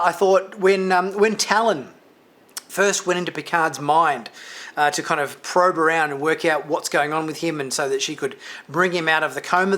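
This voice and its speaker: Male host, somewhat high voice, casual rambling reviewer who breaks into light laughs. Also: sharp tone. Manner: rambling, with many fillers and restarts and light laughs. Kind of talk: casual spoken episode review.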